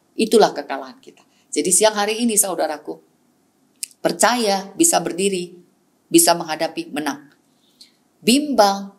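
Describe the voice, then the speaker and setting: Calling her congregation "saudaraku," a female pastor delivers a sermon built on repeated exhortations. She lets her pitch and volume sink at the ends of phrases while surging sharply on key words she repeats.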